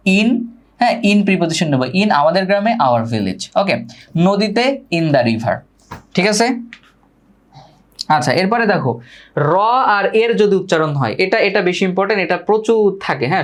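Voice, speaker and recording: A man, teaching English grammar in a classroom lecture. He explains slowly and repeats key words. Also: on the high side. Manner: scolds students to pay attention.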